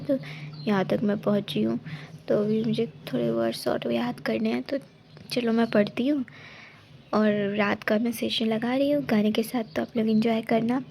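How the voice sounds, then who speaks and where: A young woman talks through her exam study plan in a casual vlog, with a somewhat high, gravelly voice. Her delivery stays flat and even, wandering and restarting as she advises viewers. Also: a little hiss or hum. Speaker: exam aspirant vlogger.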